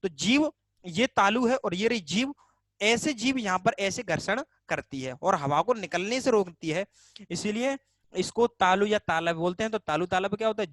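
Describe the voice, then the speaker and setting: A man's voice: sits high, a bit bright, dry recording. A male teacher gives a casual online grammar class, asking the class questions and answering them himself, repeating key terms to drill them. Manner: casual and chatty.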